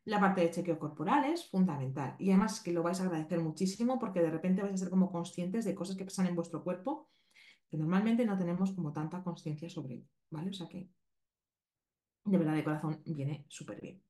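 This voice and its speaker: A woman's voice: on the low side, brisk, darkish tone. Spanish woman from spain teaching on a podcast, explains stuff step by step, keeps checking in, echoey room. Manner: explanatory, checks in with listeners often. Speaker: animal communication teacher. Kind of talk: podcast lesson. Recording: roomy echo.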